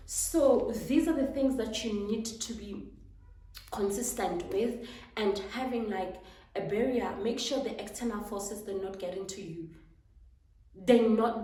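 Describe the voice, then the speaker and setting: A woman's voice: on the high side, a little mellow, echoey room, far from the mic, low-quality recording. A young South African woman giving an emphatic, preachy motivational talk and switching between English and Zulu phrases. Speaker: motivational vlogger.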